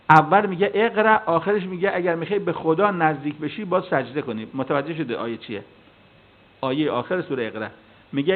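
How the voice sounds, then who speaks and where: A male cleric giving a sermon, telling stories and acting out the dialogue in them. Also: on the high side. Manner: storytelling with acted dialogue, animated. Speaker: cleric and preacher. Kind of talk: sermon with anecdotes. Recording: tinny phone-like sound.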